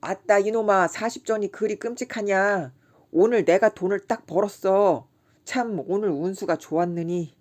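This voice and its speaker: A woman voicing a loud, drunken middle-aged male rickshaw puller, shouting boisterously in an audiobook. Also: lowish voice, expressive, normal speed.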